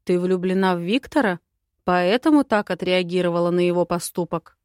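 A woman voicing a calm, condescending old male lord in an audiobook. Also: fairly low pitch, brisk, clear, resonant tone, no echo, studio quality, close to an everyday voice. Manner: calm, patronizing. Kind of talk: audiobook character voice.

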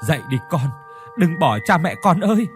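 A man's voice: mid-range voice, very animated, normal speed, faint music behind, lightly acted. A man voicing an anxious middle-aged mother in a spoken horror story, pleading with her sick son. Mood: frantic.

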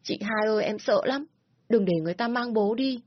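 A woman's voice: on the high side, fairly quick, dry recording, lo-fi sound, voice pushed up, natural voice. A woman voicing a scared young boy in a spoken story, pleading through tears. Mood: frightened. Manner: crying, pleading.

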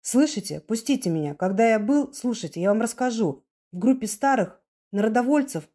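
A woman voicing a cornered older male provocateur who wheezes and spits out his words hoarsely. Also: fairly high pitch, lively intonation, fairly quick, dark tone. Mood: desperate, hoarse.

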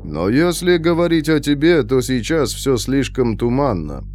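A man doing Benoit, a slow, calm young prisoner. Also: medium pitch, a little hiss or hum. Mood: calm lecturing. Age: 20s. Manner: slow, measured, lecturing.

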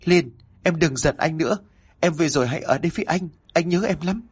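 Desperate young man in a spooky audio story, voiced by the narrator, raised pitch, husky, pleading. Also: expressive, a little fast. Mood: longing. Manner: pleading, tearful.

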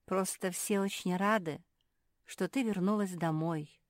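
A woman's voice: lowish voice, a little slow, no room sound, studio quality, voice pushed up, close to an everyday voice. A woman voicing a bossy, grumbling older sister dog who scolds in a fussing way.

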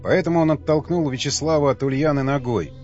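A man narrating an audiobook with a steady, expressive reading. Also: a little high, brisk, soft background music. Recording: dull dry lo-fi sound.

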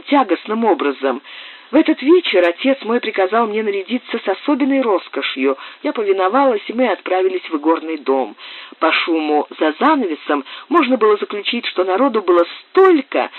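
A male audiobook narrator with a high, lively voice that reads with dramatic expression. The recording is dry and tinny, like a phone line. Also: no room sound. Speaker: audiobook reader.

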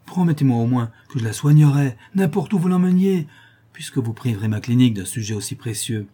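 A man voicing an eager, obsessive hospital doctor who speaks in an excitable, insistent way. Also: medium pitch, brisk, slightly rough.

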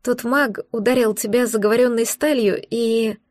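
A woman's voice: fairly high pitch, steady tone, moderate pace, darkish tone, no room sound, clean studio sound, close to an everyday voice. A woman voicing a tearful, anxious young princess who pleads and frets, in an audiobook. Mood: tearful, pleading. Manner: pleading, sobbing, flustered. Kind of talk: audiobook dialogue.

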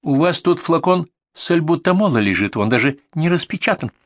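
A sharp-tongued young paramedic woman speaks curtly with a mocking edge, as a male narrator puts her on. Her voice sits a little higher. The recording is dry. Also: expressive, moderate pace, no echo, close to an everyday voice. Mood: sarcastic. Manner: mocking, curt.

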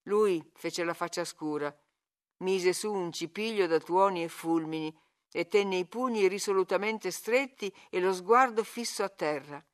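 A woman narrating a classic novel aloud in a measured, calm storytelling voice. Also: fairly low pitch. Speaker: audiobook narrator. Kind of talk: literary audiobook reading.

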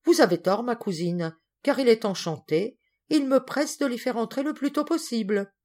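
A woman voicing a calm, firm middle-aged father in an audiobook, speaking in a matter-of-fact way. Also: fairly high pitch, moderate pace, pitched above the performer's own voice.

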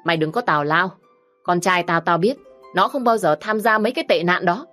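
A woman voicing a stern older father who shouts and scolds in a raised voice. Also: lowish voice, a little fast, soft background music, natural voice. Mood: furious.

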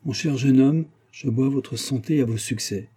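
A man reading the lines of a cordial, enthusiastic little businessman with a courteous, warmly persuasive manner in an audiobook. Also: medium pitch, normal speed, slightly rough, lightly acted. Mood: jovial.

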